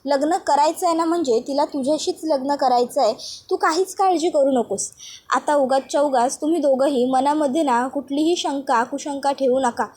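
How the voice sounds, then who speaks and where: A woman voicing an elder brother calmly reassuring a worried groom. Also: high-pitched, normal speed, lightly acted. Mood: soothing. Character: elder brother, soothing peacemaker.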